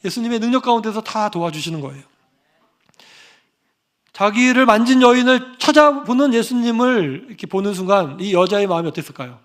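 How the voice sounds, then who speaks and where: A Korean pastor preaching a fervent, emphatic sermon that rises into proclamations. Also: male voice, high voice, a little fast.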